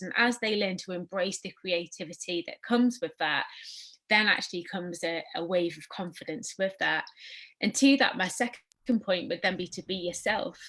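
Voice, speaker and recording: A woman speaking on an online faith-based leadership panel, earnest and measured, laying out her points one by one over a video call. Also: mid-range voice, fairly bright tone.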